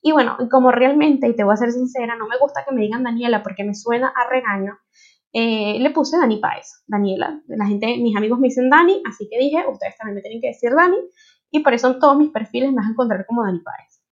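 A Venezuelan woman with a fairly high voice, talking to listeners in an earnest, personal, conversational way. She has a Venezuelan Spanish accent. The recording is somewhat dull and lo-fi. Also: fast. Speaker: podcast host. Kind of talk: podcast introduction monologue.

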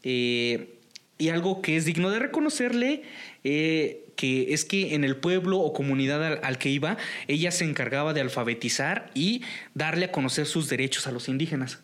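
A man's voice: fairly high pitch, lively intonation, normal speed, fairly bright tone. Hesitant Mexican man hosting a podcast. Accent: Mexican Spanish. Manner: hesitant, many fillers and restarts. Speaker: podcast host. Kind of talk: casual podcast chat.

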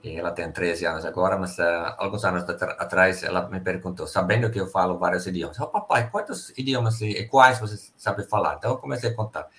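In a casual interview, a middle-aged Finnish man with a Finnish accent tells stories in Portuguese, his second language. He is a company sales director appearing as a guest, and his deep voice moves fast with few pauses. His storytelling is relaxed, though his non-native phrasing is careful.

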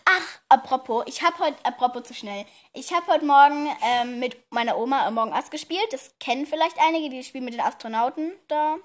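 High-voiced young podcaster girl, loud, rapid, giggly chatter. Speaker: podcast host. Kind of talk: casual chat.

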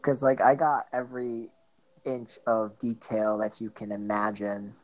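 A man's voice: fairly low pitch, level tone, a little slow, poor audio. A young man rambling through a casual chat with friends, full of fillers and swearing.

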